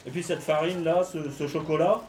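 An actress playing a pushy, nosy supermarket cashier in a radio comedy, badgering and overfamiliar. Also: female voice, low-pitched, fairly even intonation, normal speed, a little mellow, a little hiss or hum, natural voice. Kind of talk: radio comedy drama acting. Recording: echoey room.

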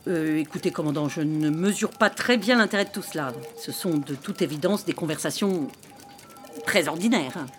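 A woman playing a skeptical, impatient high official in a radio drama, formal and authoritative. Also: normal speed, faint music behind, natural voice.

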